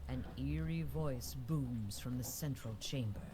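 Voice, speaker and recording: A woman's voice: extremely low pitch, unhurried, noisy background. A woman giving dramatic, scripted narration as a solemn dungeon master in a fantasy video game.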